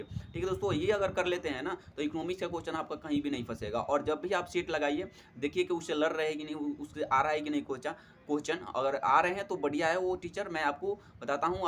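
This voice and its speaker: Here a young man's voice is a little high with a fairly bright tone. He's an exam prep tutor giving relaxed, friendly study guidance, heavy on fillers, often greeting listeners as friends with "theek hai doston."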